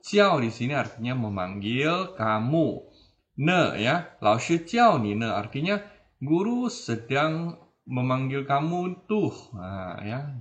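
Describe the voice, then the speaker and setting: A man teaching beginners a language, explaining slowly and repeating each word and phrase. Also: medium pitch. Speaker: Mandarin teacher. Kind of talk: language lesson in Indonesian.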